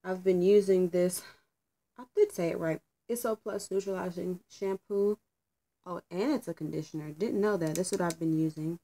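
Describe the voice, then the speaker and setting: Young woman, slightly low voice, casual storytime, candid, lots of ums and likes, at home. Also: moderate pace, dark tone, low-quality recording. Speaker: vlogger. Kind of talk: casual storytime while doing her hair.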